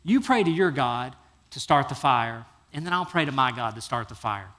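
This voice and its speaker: A pastor preaching a sermon, telling Bible stories in a folksy, animated way and acting out the characters' lines. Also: male voice, medium pitch, normal speed. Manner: animated storytelling, acts out biblical figures; folksy, casual phrasing.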